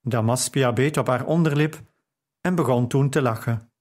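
A man narrating an audiobook in a calm, unhurried reading style. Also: mid-range voice. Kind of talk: scripted narration.

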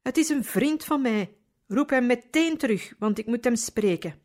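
A man's voice: very high voice, expressive, normal speed, pitched above the performer's own voice. A woman voicing a kind young priest. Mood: alarmed. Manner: gentle questioning, raised when alarmed.

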